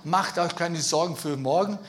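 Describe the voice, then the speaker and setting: Lebhafter Prediger mit höherer Stimme. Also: male voice, a little high, normal speed. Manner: lively, emphatic, addresses listeners directly. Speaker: preacher. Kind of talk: sermon.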